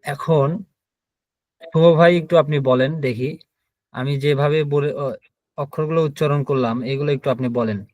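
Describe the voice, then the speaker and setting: A man's voice: on the high side, steady tone, moderate pace, long pauses, a little mellow, dry recording, faint music behind. A man teaching an online language lesson, patiently spelling out the letters one by one. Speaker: German teacher.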